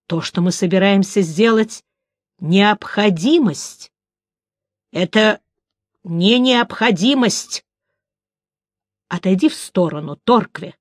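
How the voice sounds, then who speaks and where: Woman voicing a cold, calm elf commander. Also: mid-range voice, dry recording, clean studio sound. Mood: firm. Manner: quiet, measured.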